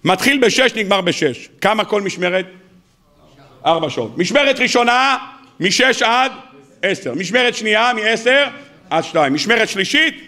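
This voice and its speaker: A man giving a lively, joking weekly sermon as a rabbi, often asking his audience questions and answering them himself. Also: high-pitched. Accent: Israeli Hebrew. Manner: acts out quoted speakers in a raised, mocking voice. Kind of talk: lively Torah sermon to a congregation. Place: synagogue or study hall before an audience.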